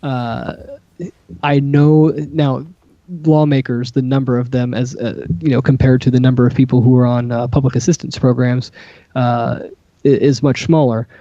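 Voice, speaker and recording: A man co-hosting a casual panel discussion, talking haltingly with many fillers and restarts. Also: medium pitch, flat delivery, mellow, no echo. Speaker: co-host. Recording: dull lo-fi sound.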